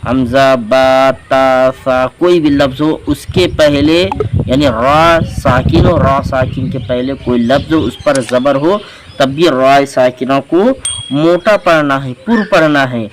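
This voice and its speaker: A man's voice: medium pitch, takes it slowly, slight background noise, low-quality recording. A man teaching Quran reading, patiently spelling out letters and vowel marks syllable by syllable in a step-by-step lesson. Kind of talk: slow step-by-step recitation lesson.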